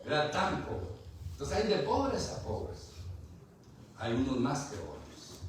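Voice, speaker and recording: A man's voice: on the high side, wildly swooping pitch, takes it slowly, background noise. A man preaching a sermon, asking the congregation questions and mixing in light humor. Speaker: pastor. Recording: echoey room from far off.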